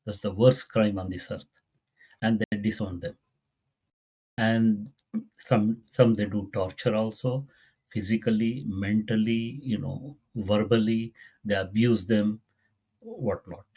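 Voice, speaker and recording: A man's voice: lowish voice, fairly even intonation, takes it slowly, long pauses, warm tone, husky. A man teaching a Quran lesson, earnest and pleading, often repeating his words. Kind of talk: religious lesson.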